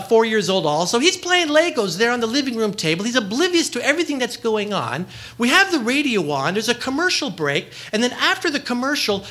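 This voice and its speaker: A middle-aged man giving a reflection, telling a family story with lively delivery and acting out the dialogue. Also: high-pitched. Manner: animated storyteller who acts out quoted dialogue.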